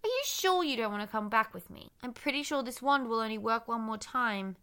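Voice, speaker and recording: A woman's voice: fairly high pitch, lively intonation, fairly quick, bright, forceful tone, clean tone. Woman voicing a polite young heroine. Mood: coaxing. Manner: polite, pleading. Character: brave helpful young girl.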